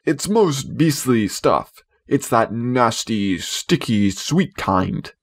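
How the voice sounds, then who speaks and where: A man's voice: medium pitch, lively intonation, slow pace. A man voicing a blustering, self-important middle-aged father from a storybook, boastful and sulky. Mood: sulky dread. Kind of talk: storybook character voice.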